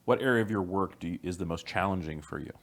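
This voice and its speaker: A man with a very low voice hosts a podcast and asks rapid-fire interview questions. He keeps his interjections short and upbeat. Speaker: podcast host.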